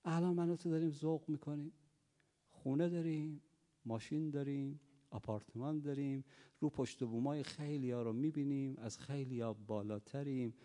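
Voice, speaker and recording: A man preaching a sermon, telling stories and moving from soft speech to loud emphatic cries, in a reverberant hall. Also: mid-range voice, fairly even intonation. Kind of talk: sermon with storytelling.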